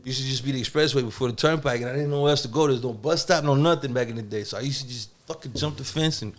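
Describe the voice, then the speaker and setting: Fast-talking, animated German-born man. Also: mid-range voice. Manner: animated, profane, laughing storyteller. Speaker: guest rapper. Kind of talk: casual podcast storytelling.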